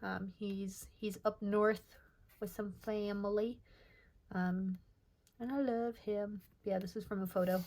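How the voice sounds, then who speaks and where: A young woman casually narrating over her sketchbook pages, soft and rambling with many pauses and filler words. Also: mid-range voice, fairly even intonation. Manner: soft, rambling, many ums and self-corrections. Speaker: artist showing her sketchbook.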